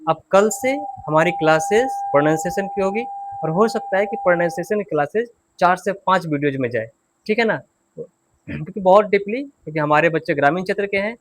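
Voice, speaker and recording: A man teaching an English grammar and pronunciation class, patiently repeating key points and quizzing his students. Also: high voice.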